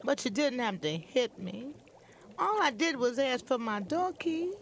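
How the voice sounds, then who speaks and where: A woman's voice: sits high, big pitch swings, unhurried, slight background noise, full character voice. A woman playing a downtrodden, battered woman in a radio comedy sketch, pleading and later defiant. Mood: meek. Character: battered woman who finally fights back.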